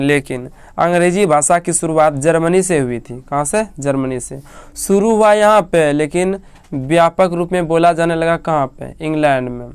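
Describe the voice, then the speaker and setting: A man's voice: fairly high pitch, clear, resonant tone, dry recording. A man with an Indian accent teaching an English grammar lesson, asking questions and answering them himself, repeating each key fact. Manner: asks and answers his own questions, repeating key facts. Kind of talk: spoken classroom lesson.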